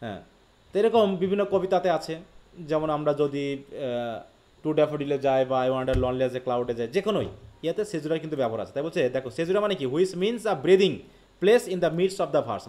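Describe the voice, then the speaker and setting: A man with a Bangladeshi accent teaching a live online literature class. He explains quickly, reads English passages slowly and keeps asking his students questions. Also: a little high, animated, darkish tone. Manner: quick Bengali explanation, slow read-aloud English quotes, frequent questions to students.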